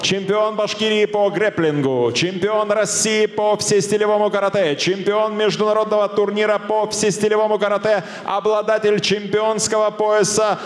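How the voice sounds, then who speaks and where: High-pitched man booming out echoey stage introductions. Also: little pitch movement. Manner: formal, drawn-out stretched names. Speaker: ring announcer at an MMA event. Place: indoor cage-fighting arena. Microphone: handheld microphone. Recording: echoey arena public-address sound.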